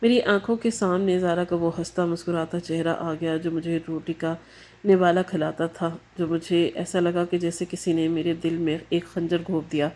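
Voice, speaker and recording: A woman narrating a scripted emotional story in a low, warm voice. Her delivery is somber and grave throughout, steady from line to line. She reads in the first person.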